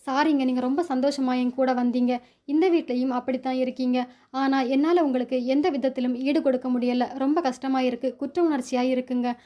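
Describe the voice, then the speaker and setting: A troubled young bride, earnest and apologetic, as a woman storyteller voices her. The voice is high and has a mellow, dark tone. It is a plain storybook reading. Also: fairly even intonation, fairly quick, natural voice. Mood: guilty.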